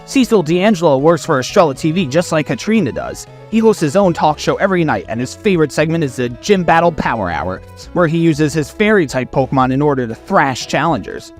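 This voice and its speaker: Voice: mid-range voice, very animated, brisk, hardly any pauses, faint music behind, close to an everyday voice. An actor voicing a friendly, eager young male gym guide in a cartoon game story. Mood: cheerful.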